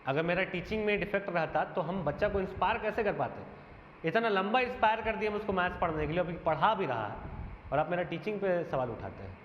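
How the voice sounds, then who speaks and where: A man with a fairly high voice lays out his case as a teacher, earnest and aggrieved, one point after another. The sound is roomy, with a long reverb tail, muffled in tone, and a faint hiss runs underneath. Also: lively intonation, a little fast. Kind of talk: defending himself in a monologue. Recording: echoey dull room sound, faint noise.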